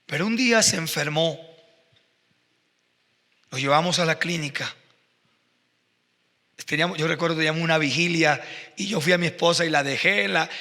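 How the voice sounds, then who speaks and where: A man delivering a sermon with a high, bright, forceful voice. He tells stories and builds to fervent emphasis. A long reverb trails his words through a church hall. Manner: emotional, storytelling with rising fervor. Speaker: pastor.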